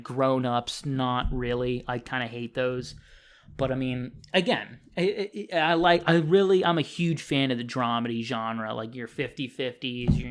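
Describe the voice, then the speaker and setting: A young man talks through a film review at a middle pitch, loose and unscripted. He rambles, leans on fillers, restarts his sentences and drops casual swears as he goes. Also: a bit bright, clean tone.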